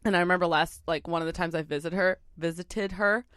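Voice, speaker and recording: A young woman chats loosely on a podcast, dropping curses and laughing as she eats. Her voice comes through smooth and clean. The sound is close and dry. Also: on the low side, steady tone, fast talker, a bit bright, dry recording. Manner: profane, laughing, eating while talking. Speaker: podcast co-host. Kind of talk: casual chat over a meal.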